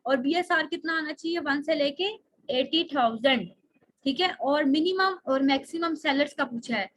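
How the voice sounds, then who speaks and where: A woman's voice: high-pitched, fairly bright tone, a little hiss or hum, low-quality recording. A young woman teaching an online class, patiently walking students through each step and often checking they follow along. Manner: patient explaining, frequent checks of "theek hai", asks class questions. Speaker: online course instructor. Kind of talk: screen-share lesson.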